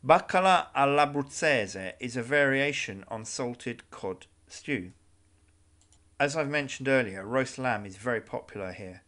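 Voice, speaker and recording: Male narrator for a travel guide video, measured delivery with wry asides, mid-range voice. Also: medium pitch, animated, fairly bright tone.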